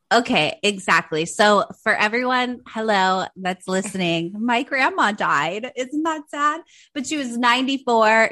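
A woman in her early thirties talking casually as a podcast co-host. She is candid and playful, with a voice of middling pitch for a woman and an offhand, joking tone. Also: pushed and bright. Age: 30s. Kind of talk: casual chat.

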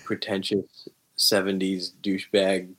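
An easygoing man with a low-pitched voice chats about a movie, trading short remarks and chuckling along. He sounds relaxed and conversational. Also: a little slow, slightly rough. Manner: casual, chuckling, short agreeing replies. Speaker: podcast co-host. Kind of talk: casual film review chat.

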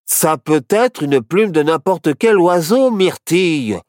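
A man's voice: on the high side, animated, slow pace, a little mellow, dry recording, clean studio sound, voice pushed up. A man voicing a level-headed young man who doubts and protests, in a storybook reading. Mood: skeptical. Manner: reasoning, protesting.

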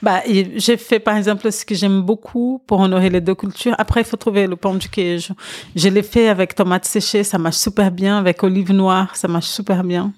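An enthusiastic woman from Brazil talks as a podcast guest. She laughs easily and fills her sentences with hesitations. Her voice sits at a middle pitch. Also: steady tone, brisk, a little mellow. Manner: enthusiastic, laughs often, many fillers. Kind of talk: casual interview chat.

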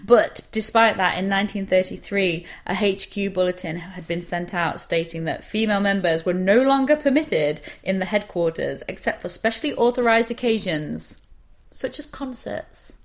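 A woman in her twenties co-hosts a podcast, telling a history story in a sarcastic, jokey way full of swearing. Her voice is medium-pitched with a moderate pace, and the talk is casual storytelling chat.

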